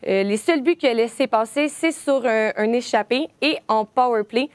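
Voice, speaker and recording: A young woman giving a sports news report, halting often with filler sounds. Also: fairly high pitch, dry recording.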